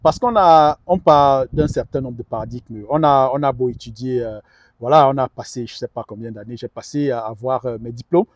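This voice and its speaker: A middle-aged man with a mid-range voice talks earnestly at a normal speed as a guest advisor during a conversational interview. He often repeats words while groping for the next one. There is no room sound, and the audio is dull.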